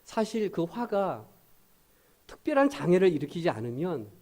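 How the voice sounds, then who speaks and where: Animated high-voiced male pastor preaching. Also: moderate pace. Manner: lively, conversational preaching with acted-out asides. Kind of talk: sermon.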